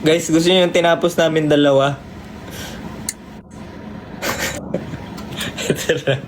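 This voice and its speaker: A man's voice: a little high, steady tone, slow pace, noisy background. A man with a Filipino accent co-hosting a live stream, reading out viewer greetings and giving friendly advice. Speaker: livestream co-host. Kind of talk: casual chat on a live stream.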